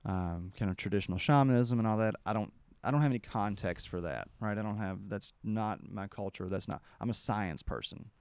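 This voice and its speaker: A man's voice: lowish voice, fairly quick, few pauses, darkish tone, clean tone, no room sound. A man hosting a podcast, telling a rambling story outdoors with lots of restarts and acted-out quotes. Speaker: podcast host. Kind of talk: casual storytelling conversation.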